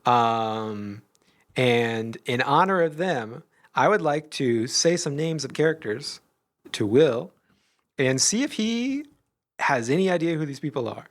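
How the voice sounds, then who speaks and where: A man's voice: mid-range voice, lively intonation, measured pace. A man co-hosting a podcast, chatting casually, hesitant with many restarts and laughs. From Iowa. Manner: hesitant, restarts often, laughs while talking. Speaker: podcast co-host. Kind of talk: casual chat.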